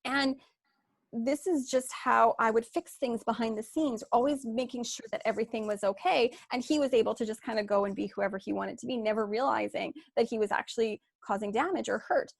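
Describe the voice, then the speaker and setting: A woman's voice: a little high, a little fast, vocal fry, no echo, clean studio sound. A woman life coach giving a candid online workshop talk, telling her story with many "you know"s and "like"s over a video call.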